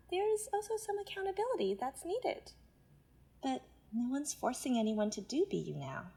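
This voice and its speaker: In a naturalistic audio drama, an actress plays a patronizing self-help mentor who presses her point with controlling, condescending insistence. Her voice is fairly high-pitched with a darkish tone.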